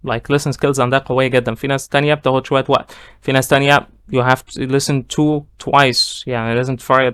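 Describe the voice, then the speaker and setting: A man's voice: mid-range voice, fairly bright tone, smooth, no echo. Egyptian man teaching in two languages. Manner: mixes Egyptian Arabic with slow read-out English. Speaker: English teacher. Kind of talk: bilingual English lesson.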